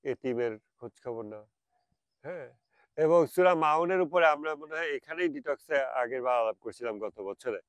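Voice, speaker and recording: A man's voice: fairly high pitch, smooth, dry recording. Bangladeshi man, reflective talk, dry sound. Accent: Bangladeshi Bengali. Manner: mixes English phrases, stretches them out slowly. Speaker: speaker.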